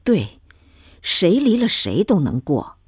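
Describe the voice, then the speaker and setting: A woman voicing a quick-tempered mother from the city who scolds in sharp, raised outbursts. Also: on the low side, huge pitch swings, slightly rough, pitched above the performer's own voice, full character voice. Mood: indignant.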